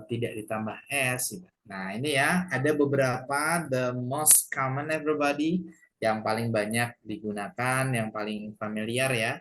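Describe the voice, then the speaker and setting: A man teaching an English grammar lesson to a class, explaining slowly and patiently with casual asides. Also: mid-range voice, slight background noise, rough recording.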